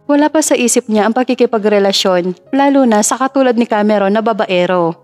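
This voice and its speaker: A woman narrating a dramatic story in a steady, emotive reading. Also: medium pitch, a little fast. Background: faint background music.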